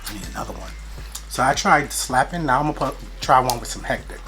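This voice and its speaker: Woman mukbang host, low register, talks while chewing, playful slangy delivery, faint music underneath. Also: fast talker, fairly bright tone. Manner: playful, repeats phrases, informal slangy speech. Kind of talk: casual eating-show chat to viewers.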